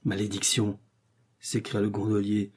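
A man voicing a brutal Venetian gondolier and bandit, speaking in a gruff, commanding way. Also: fairly low pitch, monotone, unhurried. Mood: gruff scornful.

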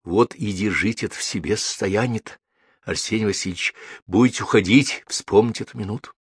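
A man's voice: fairly low pitch, a little fast, husky, no echo. A man voicing a stern, pious mother superior who scolds reproachfully, read in a dry close recording. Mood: gentle.

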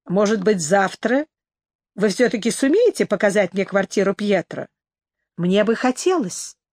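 A woman's voice: medium pitch, expressive, unhurried, darkish tone, no echo. A woman reading a curious young sleuth. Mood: polite, curious. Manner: polite, probing questions. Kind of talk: audiobook reading.

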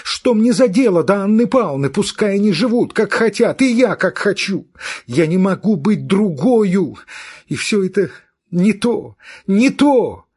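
A man's voice: medium pitch, animated, a little slow, slightly rough. A man voicing a hot-tempered, proud young woman in an audiobook reading, speaking in an agitated and insistent way. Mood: indignant. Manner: agitated, insistent, emphatic repetition.

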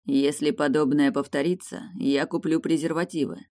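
A woman reading an audiobook voices a restrained, serious young man, measured and firm. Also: deep voice, fairly even intonation, mellow, close to an everyday voice. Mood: calm tender.

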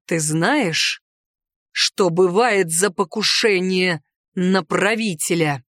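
A woman voicing a commanding, arrogant male ruler who speaks slowly and low with quiet menace. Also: lively intonation, no echo, studio quality, lightly acted. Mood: stern.

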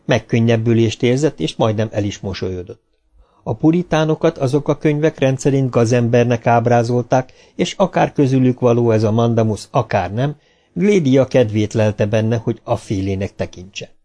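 A man narrating a novel as an audiobook, reading in a calm, measured way. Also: medium pitch.

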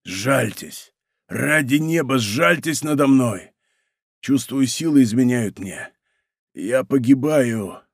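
A man's voice: on the high side, lively intonation, measured pace, no echo, studio quality. A man voicing a desperate young man who begs for mercy from the water in a storybook reading, his pleas trembling. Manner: pleading, trembling.

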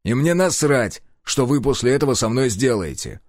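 Gruff defiant hero, voiced by a man, blunt and swearing, lively pitch, dry sound. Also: normal speed, dry recording. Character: blunt stubborn reluctant man, first-person hero.

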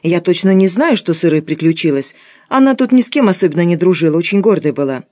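A woman's voice: lowish voice, lively intonation, quick pace, a little mellow, dry recording, clean studio sound. A woman reading an audiobook, voicing a wary young female student with a raised, complaining tone. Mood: chatty.

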